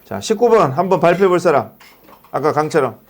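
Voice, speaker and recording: Brisk and a little high-voiced, this high school English teacher works through a lesson with his class. He's animated and never stops asking rhetorical questions.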